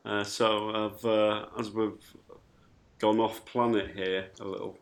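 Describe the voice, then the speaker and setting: Guy doing casual radio chat, kinda low voice, slow and hesitant, stops and starts a lot. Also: flat delivery, vocal fry. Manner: halting, hesitant, trailing off mid-phrase. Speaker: radio show host.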